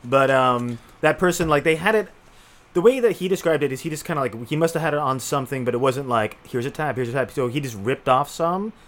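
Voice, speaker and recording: A man's voice: mid-range voice, fairly quick. A man co-hosting a podcast, telling a long, rambling story in casual chat, full of "like" and restarts. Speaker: podcast co-host.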